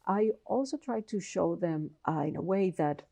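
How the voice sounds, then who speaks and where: An animated woman with a fairly low, dark voice and vocal fry talks at a moderate pace. She's a professor and researcher from Colombia with a Colombian Spanish accent, a guest answering interview questions earnestly and explanatorily with frequent restarts.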